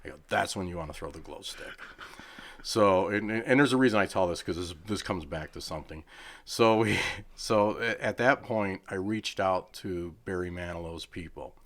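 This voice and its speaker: A middle-aged man, a charity head, telling a story in casual chat and acting out the people he quotes with lively swings in pitch. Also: normal speed. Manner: animated, acts out quoted people with raised pitch.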